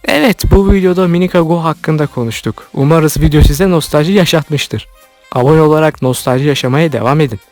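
This YouTube host, commenting on cartoons, reads scripted narration for an online video with music playing underneath. His tone is darkish, his pitch a little high, and his pace a little quick.

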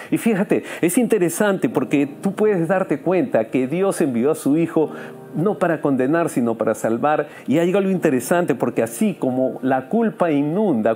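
A man preaching a sermon as pastor, earnest, with emphatic rises and soft, low endings.

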